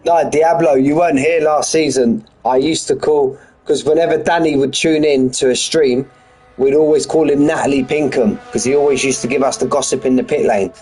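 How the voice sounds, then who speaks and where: A man's voice: medium pitch, steady tone, normal speed, warm tone, breathy edge, rough recording. A man giving live race commentary on a stream from his front room at home, chatty and full of banter with his viewers. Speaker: sim racing commentator.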